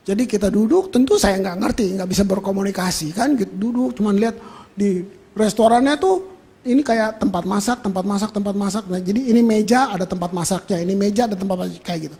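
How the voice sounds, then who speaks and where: Brief: man, pastor, sermon, fairly high husky voice, chatty and anecdotal. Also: quick pace, warm tone. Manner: colloquial storytelling, addresses congregation.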